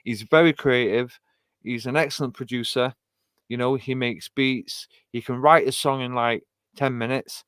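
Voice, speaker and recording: A man's voice: mid-range voice, steady tone, moderate pace, smooth, no echo. A British man co-hosting a music chart show, talking casually with lots of "you know" fillers and eager praise. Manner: warmly praising and enthusiastic. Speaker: radio show co-host. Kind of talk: casual chat.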